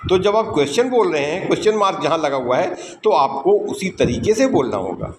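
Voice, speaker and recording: A man with an Indian accent teaching spoken English, stressing each word deliberately and switching between Hindi and English. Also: on the high side, sing-song. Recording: echoey room with background noise.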